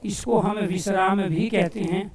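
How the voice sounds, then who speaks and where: A male coaching teacher giving a Hindi grammar lesson for exam students, asking questions and answering them himself and repeating key phrases slowly as if dictating. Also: sits high, fairly even intonation, reverberant, recorded from a distance, a crowd in the background. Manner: addresses listeners as dear friends.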